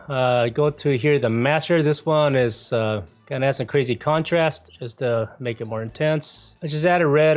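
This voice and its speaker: A man presenting a casual software tutorial in an informal way, often checking in with the listener as he explains each step. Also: medium pitch. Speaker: video editing tutorial presenter.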